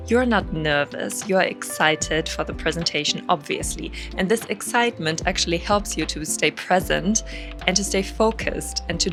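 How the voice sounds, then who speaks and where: A woman giving an instructional talk to camera as a public speaking coach, with clear, direct, deliberate delivery and emphatic phrasing. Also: fairly low pitch.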